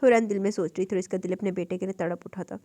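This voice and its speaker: A woman narrating a romance novel as an audiobook, in a steady, expressive storytelling voice. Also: medium pitch, very fast, no room sound.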